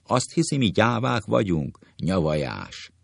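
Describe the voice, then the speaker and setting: A man voicing a pompous, hot-tempered gentleman obsessed with his honor, blustering through a comic quarrel. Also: deep voice, sing-song, creaky, dry recording, clean studio sound, full character voice. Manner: blustering, table-pounding outbursts.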